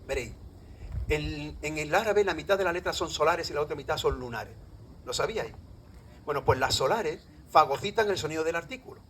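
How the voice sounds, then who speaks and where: A middle-aged man with an Andalusian Spanish accent, lecturing a live audience with a slightly raised pitch. He keeps the room engaged, tossing questions out to the listeners as he explains. A faint hiss of noise sits behind his voice. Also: expressive, brisk, a bit bright, rough recording. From Andalusia, Spain. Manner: engaging, often quizzes the audience. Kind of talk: live public talk to an audience.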